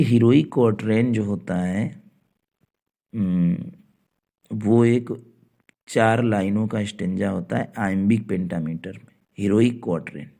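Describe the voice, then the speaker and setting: A man teaching an exam-prep literature lesson, speaking slowly, repeating points and spelling out words letter by letter. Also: lowish voice, gravelly, mellow. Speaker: coaching teacher.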